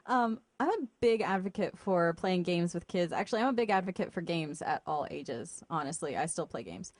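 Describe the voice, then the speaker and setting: A woman's voice: lowish voice, expressive, moderate pace, no room sound. A woman co-host asking a guest a question in a friendly, giggly way. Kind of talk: talk show questions.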